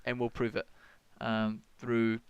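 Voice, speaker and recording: A man's voice: medium pitch, monotone, slow pace, clean tone, dry recording, highs cut off. A young man with a New Zealand accent tutoring maths on a live stream, thinking aloud and answering chat questions in a casual way.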